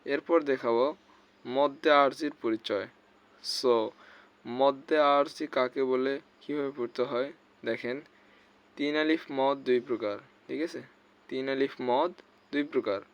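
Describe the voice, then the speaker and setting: A man teaching Quran recitation rules step by step, often checking "okay?" and slowly drawing out recited syllables. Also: medium pitch, smooth. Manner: explains step by step, often checks with "ঠিক আছে?". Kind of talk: explanatory lesson. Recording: slightly dull lo-fi sound.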